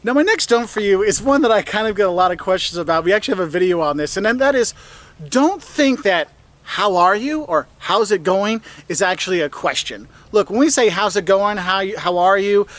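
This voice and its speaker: A man's voice: expressive, a little fast, fairly bright tone. A man giving upbeat travel tips, his voice jumping up for quoted phrases. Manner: enthusiastic, jumps up in pitch for quoted phrases. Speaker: travel video host. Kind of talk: travel advice video.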